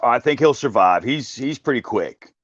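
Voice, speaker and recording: A man's voice: medium pitch, expressive, moderate pace. Dry wisecracking man, muffled sound. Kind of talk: casual chat.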